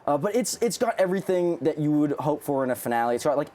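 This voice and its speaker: A man's voice: fairly high pitch, lively intonation, fast, mellow. A young man from Canada, an actor guest on a TV interview, talking in an easygoing, rambling, self-deprecating way.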